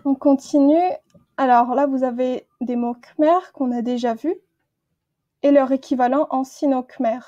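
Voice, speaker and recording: A high-pitched woman speaks slowly and patiently, repeating each word before she explains it. Her tone is mellow, and the recording sounds a little dull and lo-fi. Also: fairly even intonation. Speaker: language teacher. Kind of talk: slow vocabulary lesson with repeated words.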